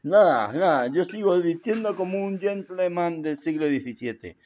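A man's voice: expressive, moderate pace, dull audio, a little hiss or hum. A man playing Ernesto, a giggly old vampire. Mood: cheeky. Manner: rambling, giggly, breaks into squeaky put-on shouts. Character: boastful old male Spanish vampire, cheeky and rambling. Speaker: comic guest in character. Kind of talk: improvised comedy sketch.

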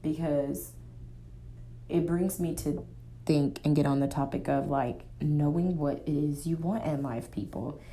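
A young woman hosts a solo podcast, rambling casually in a stream of consciousness and often hunting for words, with lots of fillers. Her voice is deep and warm, her tone steady, and she talks a little slowly.

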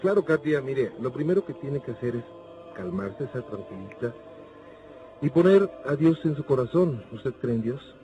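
A man's voice: medium pitch, very animated, normal speed, dark tone, soft background music, low-quality recording. A man hosting a paranormal radio call-in show, talking to callers in a soothing, reassuring way.

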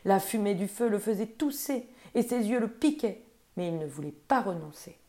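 A woman storyteller reading a children's story aloud in a gentle, expressive way. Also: mid-range voice, moderate pace.

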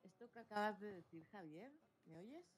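A woman's voice: medium pitch, lively intonation, normal speed, slightly rough. A woman speaking as a talk-show guest, her voice very faint and distant, as if she is far from her mic or device, hesitantly checking whether she can be heard. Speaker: guest panelist. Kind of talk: casual online talk-show discussion. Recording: faint distant voice on an online call.

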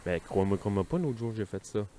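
Québécois guy co-hosting a podcast, lowish voice, slangy and swearing, faint hiss behind. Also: expressive, brisk, warm tone. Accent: Québécois French. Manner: slangy, swears freely, laughs often. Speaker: podcast co-host. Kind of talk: casual chat.

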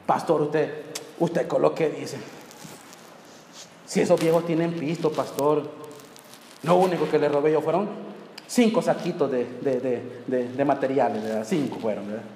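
A man's voice: a little high, normal speed, pauses often, darkish tone, close to an everyday voice. Brief: sheepish male sinner, as a pastor mimics him, pleading excuses, faint hall noise. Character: sheepish adult male churchgoer excusing small sins.

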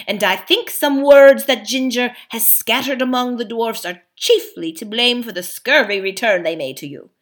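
A woman's voice: a little high, bright, forceful tone. A woman reading a frank old-fashioned dwarf. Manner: homely, frank storytelling. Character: gruff plain-spoken male dwarf, loyal.

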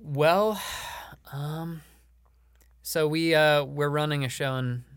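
A man's voice: fairly high pitch, steady tone, slow pace, clear, resonant tone, no echo, studio quality. A man chatting casually as a podcast guest, rambling with lots of fillers and frequent laughs. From Illinois. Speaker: podcast guest, comedian and show producer.

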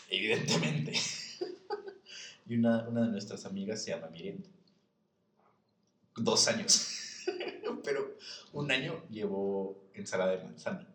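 A young man with a Mexican Spanish accent and a low, slightly bright voice tells funny anecdotes in a casual chat, laughing often and mimicking the people in his stories. He sounds a bit off-mic and far away in an echoey room.

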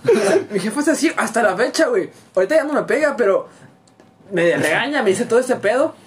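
A man's voice: very high-pitched, expressive, fast talker. A man with a Mexican accent, telling a story in casual chat, slangy and ending phrases with "güey".

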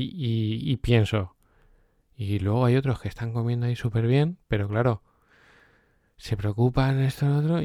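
Animated man, low mellow voice. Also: no room sound, studio quality. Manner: animated, storytelling with quoted asides. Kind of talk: casual chat about a self-help book.

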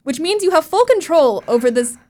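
A young woman co-hosting a casual chat, excitable and quick to exclaim. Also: high voice. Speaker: podcast co-host.

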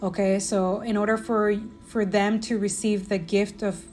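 A woman's voice: medium pitch, little pitch movement, a little slow, darkish tone, faint music behind. A woman hosting a spiritual podcast, talking earnestly and rambling with many fillers and restarts, often tagging her points with "right?". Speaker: podcast host.

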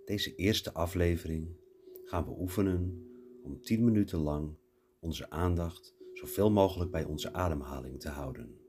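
Slow, very deep-voiced meditation guide. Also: male voice, background noise. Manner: slow, calm instructions with long pauses.

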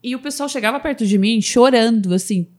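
A woman's voice: on the high side, a little fast. A woman, a motivational speaker, telling a personal story in a casual podcast interview, with emotional restarts. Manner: emotional storytelling, restarts and fillers like "sabe assim".

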